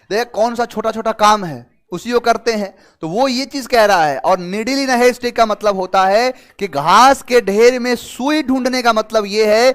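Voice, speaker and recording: High-voiced male teacher explaining idioms. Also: fairly bright tone. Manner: explains slowly, reads options aloud, tells anecdotes. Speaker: English teacher. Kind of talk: classroom idiom lesson.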